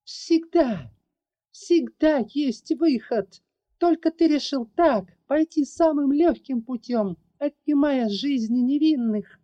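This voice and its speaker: A woman's voice: measured pace, lo-fi sound. Woman voicing a fierce young dragoness. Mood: furious. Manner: shouting, accusing, high-strung. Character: fierce young dragoness, defiant protector of orphans. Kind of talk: audiobook character voice.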